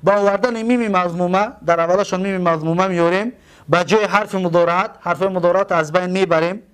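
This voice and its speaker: A man with a Tajik accent teaches a grammar lesson in a noticeably high voice. He goes over key terms slowly, saying them more than once. He keeps asking his students rhetorical questions to hold their attention. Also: steady tone, a bit bright, clean tone. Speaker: religious school teacher.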